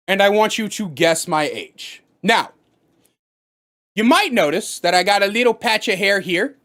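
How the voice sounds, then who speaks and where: A man in his thirties telling a profane comic story to camera, animated and bursting into loud outbursts. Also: high voice. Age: 30s. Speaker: comedic storyteller. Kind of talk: profane comedic storytime rant.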